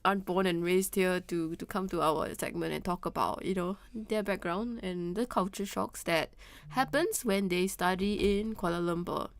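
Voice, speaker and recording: Playful young host, dry close sound. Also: female voice, on the low side, moderate pace, no echo. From Singapore. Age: young adult. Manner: playful and laughing. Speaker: radio co-host. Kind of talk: student radio hosting. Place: campus radio studio.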